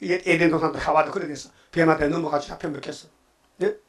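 A man preaching with a fairly high voice. He is emphatic and keeps firing rhetorical questions at his listeners. He slips into quoted voices as he tells the scripture stories. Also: steady tone, quick pace. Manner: acts out quoted voices of God and the devil. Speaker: pastor. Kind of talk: sermon.

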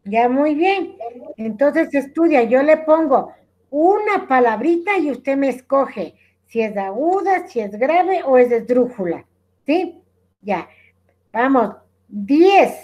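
A woman's voice: sits high, very animated, takes it slowly, a little mellow. A woman teacher with an Ecuadorian accent, patiently giving a lesson over a video call and calling on students by name. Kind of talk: online class instruction.

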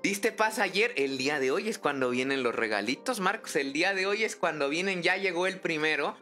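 A man streaming a game live, chatty and excitable, thinking aloud and greeting viewers in the chat by name. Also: a little high, moderate pace, faint music behind. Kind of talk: casual live-stream chat while gaming.

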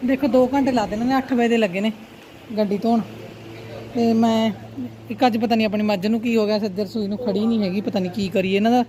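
A woman's voice: fairly even intonation, fast talker, dark tone. A middle-aged woman, chatting casually to a family vlog in a dramatic, exclaiming, grumbling aunty manner. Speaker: vlogger. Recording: noisy, with vehicle-like background rumble.

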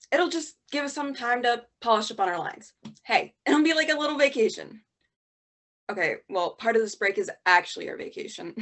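A woman's voice: medium pitch, a bit bright. A young woman acting a chatty teenage theatre student in a stage monologue over a video call, rambling and talking to herself. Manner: rambling, self-correcting, talks to herself. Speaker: lead actor in a monologue.

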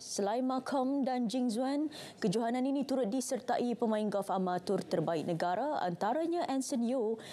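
A young woman presenting sports news in a TV studio, reading a script in a steady, formal newsreader delivery. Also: a little high, normal speed. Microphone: studio mic, seated at desk.

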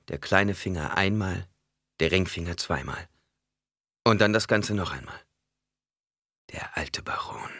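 A man narrating a fantasy audiobook in a measured, expressive reading. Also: deep voice, creaky, no room sound, studio quality. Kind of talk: scripted narration.

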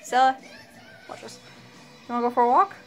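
A woman's voice: a little high, animated, a little fast, faint music behind. A woman vlogging casually at home, playfully talking to her dog and laughing often.

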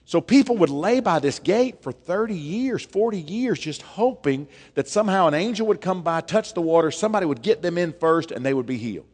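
A man, preaching an animated sermon on a church stage, dropping to a hush for emphasis. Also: high voice, fairly quick, few pauses. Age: 40s. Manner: animated, gestures widely, drops to a hush for emphasis. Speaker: pastor. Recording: long reverb of a church hall.

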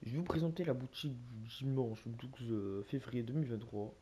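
A man's voice: medium pitch, normal speed, mellow, slightly rough. A young French man with a French accent giving loose, slangy commentary on a video game shop to his viewers, addressing them like friends. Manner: slangy, loose and rambling, talks to viewers as mates. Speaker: gaming YouTuber. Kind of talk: casual gameplay commentary.

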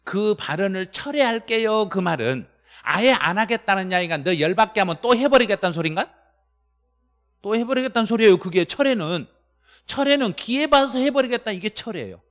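A middle-aged man teaching a live-stream exam lecture, excited and quizzing his viewers. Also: brisk, long reverb tail. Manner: animated, jumps to high excited pitch on key words, quizzes the chat. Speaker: real estate tax law instructor.

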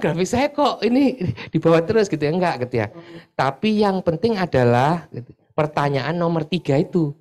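Chatty man leading a church sharing session. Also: medium pitch. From Pasuruan, East Java. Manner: chatty, often adds filler tags, lively when retelling stories. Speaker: church group facilitator. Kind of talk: casual sharing talk to a church group. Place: church meeting room.

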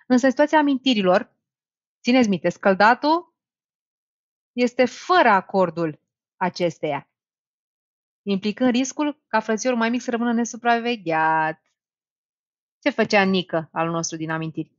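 A woman's voice: a little high, long pauses, dry recording, lo-fi sound. A woman teaching an exam-prep language lesson, talking straight to her students and thinking aloud as she works through answers. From Romania. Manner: lively, talks to students directly, thinks aloud.

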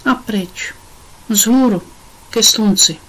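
A woman reads a children's book aloud in a mid-pitched voice. Her storytelling is expressive, as she carries the listener through each scene. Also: husky, low-quality recording. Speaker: audiobook reader. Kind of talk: children's audiobook narration.

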